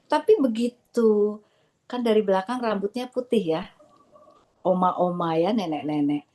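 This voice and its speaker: A middle-aged woman hypnotherapist recounts a personal experience at a slow, measured pace. She acts out the dialogue as she goes. She drops English phrases into her talk. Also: mid-range voice, expressive, mellow. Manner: deliberate, acts out quoted dialogue, mixes in English.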